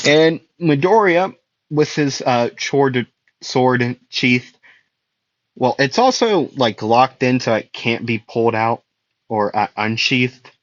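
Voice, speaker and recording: A man's voice: medium pitch, lively intonation, slow pace, dry recording. A young man improvising a fan-fiction story, rambling with many fillers and self-corrections. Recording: dull lo-fi dry recording.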